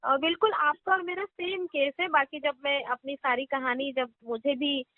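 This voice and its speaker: A high-pitched woman co-hosts an interview, speaking politely and formally. Her voice comes through a thin, phone-like line. The sound is dry. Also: fairly even intonation, moderate pace, no echo. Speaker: co-host interviewer. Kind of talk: radio interview.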